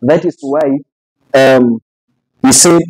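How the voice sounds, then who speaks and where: A man's voice: mid-range voice, takes it slowly, darkish tone, husky, no echo, low-quality recording. A man with a Nigerian Hausa accent teaching tajweed in a mosque, repeating each sound for drill and answering his own questions. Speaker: Quran recitation teacher. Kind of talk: tajweed lecture. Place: mosque hall.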